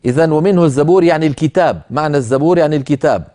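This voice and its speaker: Measured Arabic lesson, mellow male teacher. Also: a little high. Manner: measured, explanatory, chants verses slowly. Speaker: Quran recitation teacher. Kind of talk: lecture on a tajweed poem.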